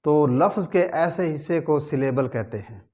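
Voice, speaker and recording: A man teaching a grammar lesson, speaking slowly and deliberately and spelling words out letter by letter. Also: fairly high pitch, lively intonation, a little mellow. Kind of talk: grammar lesson explaining in Urdu-flavored Hindi.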